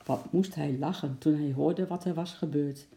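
Lively children's-book narrator, dark tone, roomy room. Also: mid-range voice, normal speed, vocal fry. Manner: lively storytelling. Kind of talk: children's audiobook reading. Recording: roomy echo.

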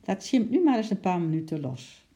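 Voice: medium pitch, sing-song, fairly quick, warm tone, slight background noise, pitched above the performer's own voice, close to an everyday voice. A storybook reader voicing a tired but kind father who speaks patiently. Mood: mild. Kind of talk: children's audiobook reading.

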